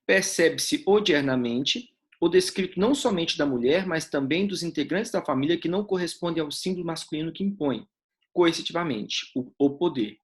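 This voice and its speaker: In a live online class, a man with a Brazilian Portuguese accent teaches essay writing, walking through it step by step and putting questions to his students. His pitch is fairly high.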